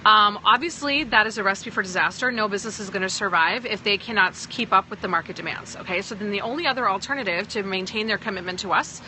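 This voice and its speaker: A Pakistani woman who sounds American speaks quickly with few pauses in a bright, forceful, mid-range voice, captured in a rough recording with slight background noise. As a sales team leader on a phone livestream, she answers viewers emphatically and keeps checking in with "okay?"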